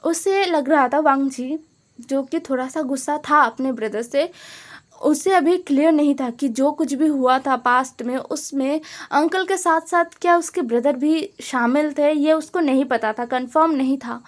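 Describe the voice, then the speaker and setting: A woman's voice: sits high, a little slow. A woman narrating a fan fiction story in a casual, conversational way with emphatic asides.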